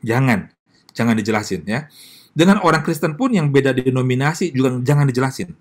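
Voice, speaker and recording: A man's voice: medium pitch, lively intonation, a little fast. A man with an Indonesian accent, a pastor giving a casual sermon and answering questions, talking straight to his listeners with many tag questions.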